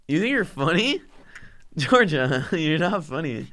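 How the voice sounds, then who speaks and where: A man's voice: on the high side, sing-song, takes it slowly, a bit bright. A young man co-hosting a podcast, telling stories in casual chat, swearing freely and laughing as he talks. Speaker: podcast co-host.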